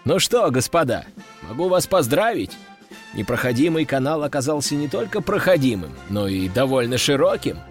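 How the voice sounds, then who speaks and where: A man's voice: medium pitch, very animated, moderate pace, faint music behind, close to an everyday voice. A man voicing a smug, scheming commander who gives bold orders in an audiobook. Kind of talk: audiobook dialogue.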